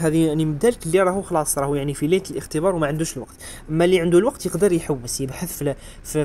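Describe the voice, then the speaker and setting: A man's voice: fairly high pitch, darkish tone. A man with an Algerian Arabic accent explaining French grammar as an exam revision lesson, spelling out verb endings letter by letter. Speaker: French teacher.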